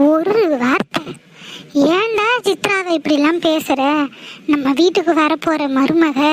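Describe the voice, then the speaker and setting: A woman voicing a sly, manipulative older aunt in a cartoon, sweet-talking and scheming. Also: very high-pitched. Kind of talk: cartoon voice acting.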